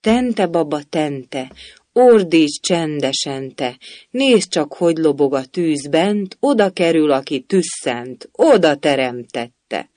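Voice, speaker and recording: A man's voice: on the high side, lively intonation, a little mellow, dry recording, natural voice. A man voicing a bad-tempered noble duchess who barks and scolds rudely. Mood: rough lullaby. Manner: rude, barking, scornful.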